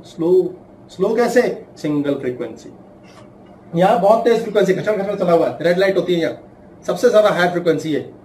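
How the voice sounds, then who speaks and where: A man teaching a class in a lively way, stretching out words and acting out little voices. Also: on the high side, roomy sound, distant mic, a little hiss or hum, rough recording. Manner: animated, acts out voices and drawn-out words. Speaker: spiritual teacher. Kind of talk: talk to a class. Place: class room.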